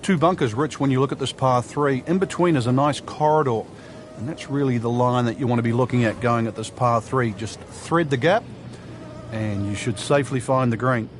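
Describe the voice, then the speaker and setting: A man voicing a golf color analyst in a video game, explaining the course in a relaxed, casual way. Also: mid-range voice, normal speed, slight background noise, lightly acted.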